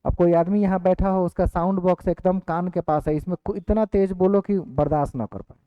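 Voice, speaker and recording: A fairly high-voiced man teaches an online exam-prep class, dictating points slowly and saying each one twice. The sound is narrow and phone-like. It is very dry. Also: smooth, dry recording.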